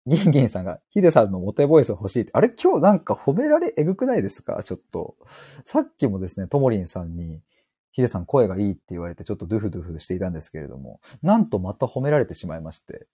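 A man's voice: on the low side, huge pitch swings, racing, mellow, breathy edge, no room sound. A man hosting a live audio stream, reading listener comments aloud in a playful, giggly way from home on a close mic. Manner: playful and giggly, laughs often and teases himself. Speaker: podcast host.

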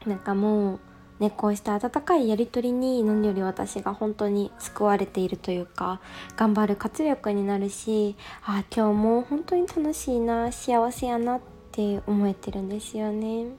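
A young woman hosting a casual solo radio talk, reading listener messages in a soft, gentle way with delighted thanks. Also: mid-range voice, fairly even intonation, unhurried. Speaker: radio show host.

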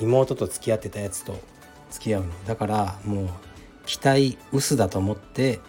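A middle-aged man talks through a listener's problem in a relaxed podcast monologue. His voice sits fairly low, and he muses frankly, pokes fun at himself and fills the pauses as he thinks. Soft music plays faintly behind him. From Fukuoka, Japan. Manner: frank, musing, self-deprecating, thinks aloud with fillers. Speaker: podcast host answering a listener. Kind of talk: casual advice monologue.

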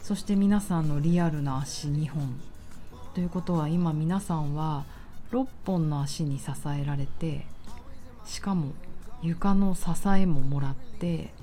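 A woman leading a guided grounding meditation, speaking slowly and soothingly with pauses as an exercise guide. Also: deep voice, dark tone. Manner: slow, pausing, soothing delivery.

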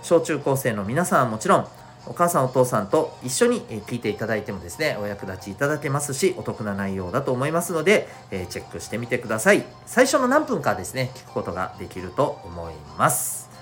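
A man's voice: mid-range voice, big pitch swings, fast, a bit bright, soft background music. A man with a nasal, stuffed-up voice hosting a chatty solo show for schoolchildren and parents, speaking in polite, upbeat presenter phrasing. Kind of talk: chatty solo podcast talk.

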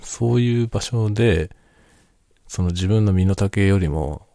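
Adult male, low voice, quiet night-time chat delivery, thoughtful explainer, dry close sound. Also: measured pace, vocal fry, dry recording. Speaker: solo host of a spoken chat. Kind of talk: casual late-night chat.

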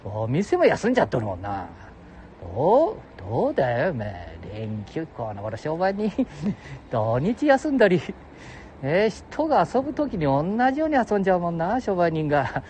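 Gruff older man, heavy ramble. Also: a little high, huge pitch swings, normal speed, a little mellow, a little hiss or hum. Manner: gruff, jokey, talks to listeners as "お前". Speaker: solo audio show host. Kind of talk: rambling casual monologue. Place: outdoors beside a public toilet.

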